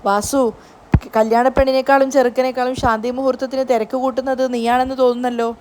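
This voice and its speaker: A woman's voice: sits high, little pitch movement, fast talker, darkish tone, a little hiss or hum, lightly acted. A woman reading the lines of a good-humoured middle-aged man who jokes with his brother-in-law. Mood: playful. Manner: playful, joking.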